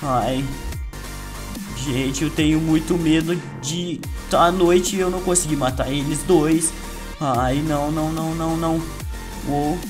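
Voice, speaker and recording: Brazilian male gaming youtuber, boastful running commentary, slightly high voice, over loud game music. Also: steady tone, measured pace. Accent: Brazilian Portuguese. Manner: playful, boastful, talks to viewers. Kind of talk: excited gameplay commentary. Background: loud game music and gunfire.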